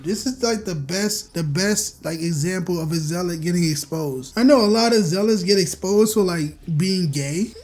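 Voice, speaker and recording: High-voiced man, mocking commentary. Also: a little mellow. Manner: mocking and profane, often breaking into laughter. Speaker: gaming commentary YouTuber. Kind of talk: casual commentary.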